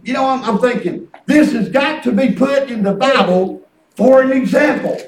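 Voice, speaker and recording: High-pitched Southern preacher with a folksy twang. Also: male voice, normal speed. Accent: rural Southern US twang. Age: 50s. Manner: excitable, colloquial, chuckles through anecdotes. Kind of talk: folksy, rambling sermon with storytelling. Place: church hall with responding congregation. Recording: echoey church room, distant microphone.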